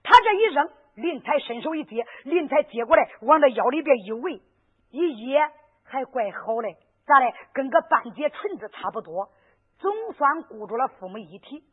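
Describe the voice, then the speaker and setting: A woman tells a traditional folk story in a lively way, often posing rhetorical questions and answering them herself. Her voice is very high-pitched. The sound is thin and lo-fi, like an old radio broadcast. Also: moderate pace, slightly rough. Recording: narrow lo-fi radio recording.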